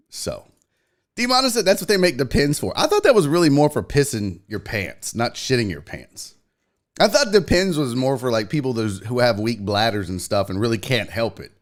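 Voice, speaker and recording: A man's voice: mid-range voice, fairly bright tone. A man hosting a casual livestream, greeting viewers in slangy, buddy-like terms with blunt, profane, joking talk. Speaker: livestream host.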